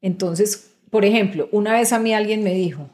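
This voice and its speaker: A middle-aged woman speaks as a guest in a relaxed interview. Her pitch sits in a mid range for a woman. She explains her points patiently and keeps checking that the listener is following. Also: moderate pace, slight background noise. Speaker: guest executive. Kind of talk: conversational interview.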